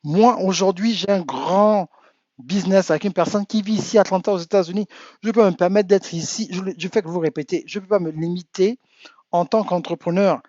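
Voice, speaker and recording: Insistent African business coach, dull sound. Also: male voice, high voice, brisk, dark tone, no echo. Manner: insistent, rising to emphatic exhortation. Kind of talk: coaching talk to an audience. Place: home in the United States.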